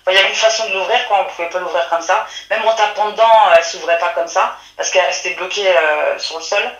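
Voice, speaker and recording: A woman recounts what she witnessed in a halting way, stopping and restarting often. Her voice is bright and a little tense. The sound is roomy and echoey. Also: mid-range voice. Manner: halting, many restarts and fillers. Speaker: witness telling her story. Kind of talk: hesitant testimony by phone or call.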